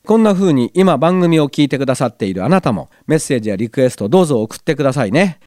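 A man's voice: mid-range voice, very animated, fast talker, dark tone, dry recording. A man hosting a community radio show, chatting casually and reading listener letters aloud in a studio. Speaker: radio host. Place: glass-walled studio in a cinema. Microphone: studio mic.

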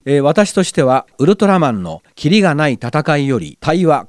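A man's voice: mid-range voice, darkish tone, no echo, clean studio sound. A middle-aged man hosting a local radio show, chatting casually in a musing way, with wry asides. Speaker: radio host. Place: radio studio.

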